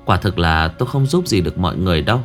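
A man reading a calm, soft-spoken woman medium. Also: low voice, rapid-fire, soft background music. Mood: humble. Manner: soft-spoken, gently polite. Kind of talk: audiobook ghost story reading.

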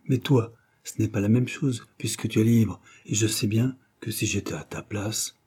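A man reading aloud, voicing a married middle-aged gentleman who speaks in a confiding, fatherly way. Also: lowish voice, moderate pace, husky.

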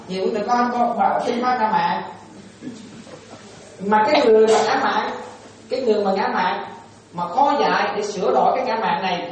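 A man, a Buddhist monk, giving a dharma talk to lay followers, asking them questions and acting out small everyday exchanges. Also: sits high. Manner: asks the audience questions, plays out little dialogues. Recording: echoey room, voice far from the mic.

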